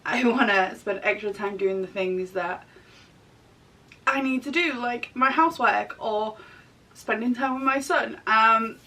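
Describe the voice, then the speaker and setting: Slow-paced woman vlogger with a chest cold. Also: pushed and bright. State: throat and chest infection, coughing at times. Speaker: makeup artist and vlogger. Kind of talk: casual chat, makeup tutorial. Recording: distant mic, rumbly background noise.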